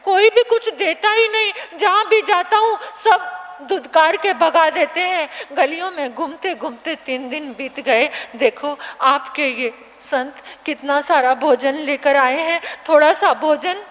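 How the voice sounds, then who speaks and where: A starving twelve-year-old beggar boy pleads desperately and says the same words again and again, as a woman preacher acts him out. The voice sits high and the words come slowly. A long echo of the hall trails behind them. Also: fairly bright tone. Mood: pleading. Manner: desperate, repeats his pleas. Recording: reverberant hall, faint background noise.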